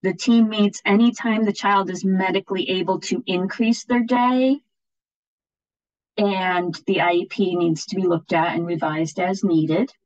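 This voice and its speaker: Over a video-call webinar, a trainer for education officials walks through slides in a plain-spoken, explanatory style, often pausing to check on her audience. Her medium-pitched voice is a little slow and mellow with fairly even intonation, and the lo-fi recording has no echo.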